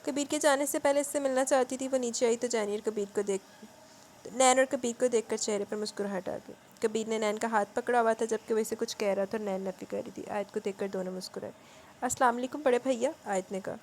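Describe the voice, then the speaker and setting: A woman's voice: on the high side, steady tone, darkish tone, slight background noise. A woman reading a romance novel aloud, breaking in with wry, colloquial asides. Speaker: novel reader.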